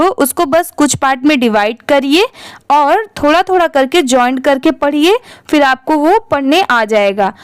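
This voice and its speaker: A woman's voice: high voice, no echo. A woman teaching English reading, spelling words out letter by letter and patiently repeating each one before blending it. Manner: patient, repeats each word several times. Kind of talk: slow spelling-out lesson.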